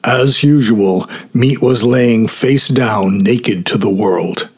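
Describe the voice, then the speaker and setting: A man reading a story aloud as narrator in a steady storytelling manner, voicing the characters lightly. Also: mid-range voice, slow pace, breathy edge. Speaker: audiobook narrator. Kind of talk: scripted narration.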